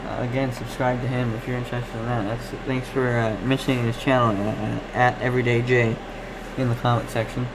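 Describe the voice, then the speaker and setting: With hardly a pause, a Canadian live-stream host who loves radio rattles along a little fast in a level, mid-range voice. He reads out comments and answers them, rambling and easily sidetracked, against background noise.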